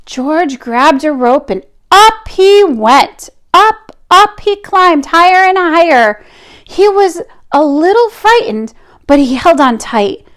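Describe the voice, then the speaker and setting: Her voice is very high as she reads a picture book to children with lots of expression. She lingers on words to emphasize them and chats between passages.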